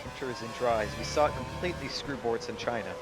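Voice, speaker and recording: Over loud music and racing-game engine sounds, a young man speaks in a mid-range voice at a fairly quick clip. He's casually narrating his race, tossing in jokes and the occasional swear word.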